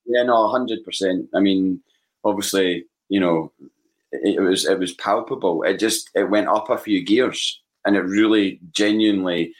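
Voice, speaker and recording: A man in his forties with a Scottish accent chats casually about football. His voice is very deep, and he talks haltingly, often repeating words as he goes. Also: low-quality recording. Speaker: podcast panellist.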